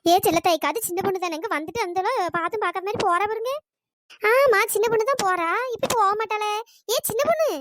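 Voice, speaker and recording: Shrill squeaky cartoon village gossip, voiced by a performer. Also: quick pace, background noise. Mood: scolding. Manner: shrill, scolding, teasing calls. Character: sharp-tongued village women gossiping, loud and teasing. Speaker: cartoon characters. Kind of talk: cartoon comedy dialogue.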